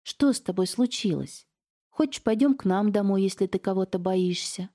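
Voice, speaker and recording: A woman voicing an anxious young woman who pleads gently and insistently with her aunt. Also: mid-range voice, expressive, brisk, pitched above the performer's own voice, close to an everyday voice. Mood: pleading.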